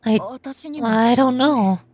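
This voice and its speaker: Live on stream, a woman who streams and does amateur voice acting voices game dialogue and adds casual commentary over faint game music. Her voice is fairly high, slow, and a little mellow.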